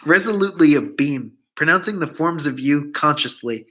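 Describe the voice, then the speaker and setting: A man reads a novel aloud with a bright, ringing voice pitched a little high. He slips into the characters' voices when they speak. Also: animated, moderate pace. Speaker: reader.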